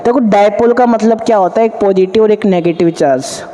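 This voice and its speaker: A man's voice: sits high, brisk. A male physics teacher lecturing at a board, quizzing students with repeated questions and answering them himself. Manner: addresses students warmly as 'beta'. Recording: long hall reverb.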